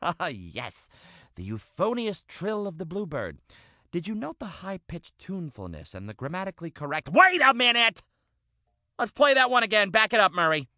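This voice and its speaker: A man voicing an excitable male dog who hosts a bird show, hammy and quick to lose his temper. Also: high voice, dry recording, clean studio sound, exaggerated voice. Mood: flustered. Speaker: show host. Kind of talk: cartoon voice acting.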